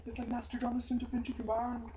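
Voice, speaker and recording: A woman giving casual, chatty gameplay commentary, breaking into sudden loud exclamations. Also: a little high, monotone, quick pace, rough recording. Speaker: gameplay video maker. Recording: loud background noise.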